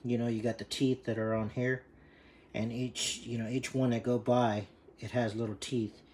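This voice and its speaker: A man with a mid-range, darkish voice explains a bike repair at normal speed with flat delivery. It's a casual how-to video, and he rambles, uses lots of fillers, and breathes heavily from leaning over.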